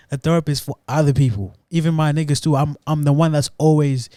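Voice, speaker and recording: A man's voice: a little high, fairly even intonation, a little fast, warm tone, no room sound, clean studio sound. A young man from Africa co-hosting a casual chat, talking in slangy, profane rambles. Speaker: podcast co-host.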